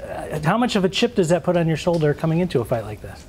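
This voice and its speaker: A man's voice: fairly high pitch, very animated, fast, a little mellow. A man asking questions conversationally as a sports reporter in an interview. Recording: noisy room ambience.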